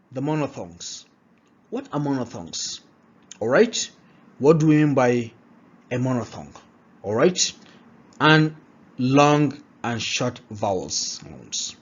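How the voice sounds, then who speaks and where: Through a dull lo-fi recording, a man with a slightly rough, mid-range voice runs a pronunciation lesson like a classroom. Rhetorical questions come often, as does his check-in, "all right?".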